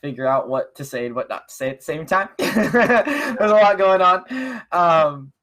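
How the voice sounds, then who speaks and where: An esports co-caster with an even, mid-range voice keeps the chatter relaxed between games. The delivery stays easygoing and quick to laugh. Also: mid-range voice. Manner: laid-back, laughs easily. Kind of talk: casual live game commentary.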